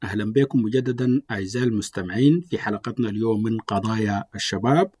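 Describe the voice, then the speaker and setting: A man's voice: medium pitch, darkish tone, slightly rough. A man with a Sudanese Arabic accent hosting a radio talk show, asking guests pressing questions. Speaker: radio host.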